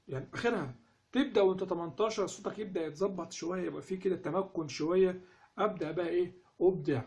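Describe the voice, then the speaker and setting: A man with an Egyptian accent gives an informal lesson. His voice sits high, and he talks at a rapid clip. He keeps the talk moving with rhetorical questions. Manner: animated, asks rhetorical questions. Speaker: instructor on Quran recitation. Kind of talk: casual spoken lesson.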